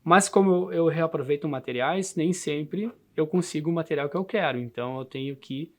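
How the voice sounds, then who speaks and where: A man with a southern Brazilian gaúcho accent, talking casually about himself in a halting way, often adding tag questions. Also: on the high side, a little mellow. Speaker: musician and handmade instrument builder. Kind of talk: casual interview monologue.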